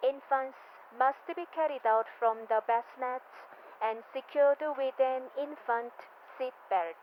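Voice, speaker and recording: A woman making a formal, scripted cabin announcement as a flight attendant. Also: high voice. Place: aircraft cabin, over the PA. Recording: muffled cabin PA, noisy aircraft cabin. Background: cabin noise.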